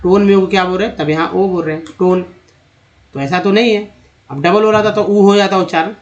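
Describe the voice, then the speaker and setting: A man teaching English reading and phonics, slowly sounding out words and vowels and repeating them for viewers. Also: high voice, fairly even intonation, muffled recording. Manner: slow, drawn-out spelling and sounding of words. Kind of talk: Hindi-language phonics lesson.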